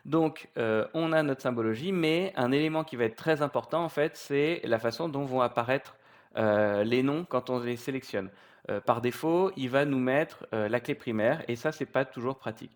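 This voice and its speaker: A man of middle pitch walks through a software tutorial off the cuff, pausing often with fillers and restarting his sentences. His delivery is relaxed and explanatory, recorded on a computer mic while he works on screen. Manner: hesitant, many fillers and restarts.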